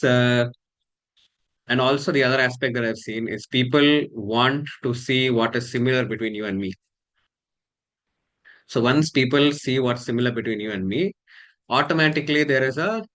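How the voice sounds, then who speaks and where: A coach from Karnataka speaks casually to camera in an Indian English accent. His medium-pitched voice is a bit bright, and his delivery is measured and halting, with many fillers.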